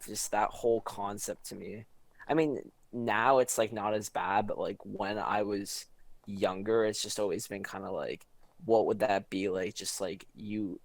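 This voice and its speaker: A young man with a low, gravelly voice chats casually on a podcast, stringing his thoughts together with lots of fillers. The sound is dry and close. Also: no room sound, rough recording. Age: young adult. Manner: rambling, many "like" fillers. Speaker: podcast guest. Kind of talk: casual chat.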